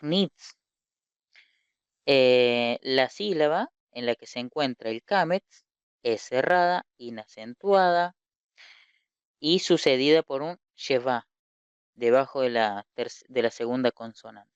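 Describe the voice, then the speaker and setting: A male teacher gives an online lecture at an unhurried, measured pace, repeating key terms and putting rhetorical questions to his students. His voice is smooth and clear. The sound is dry and close, with a slightly muffled, lo-fi quality. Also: medium pitch, no room sound. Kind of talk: online lecture explaining slides.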